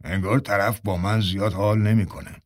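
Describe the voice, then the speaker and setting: A worried office worker, played by a man, grumbles in a low, doubtful mutter. This is radio drama, recorded close and dry. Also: fairly even intonation, no room sound, close to an everyday voice. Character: worried male employee, fretting about pay.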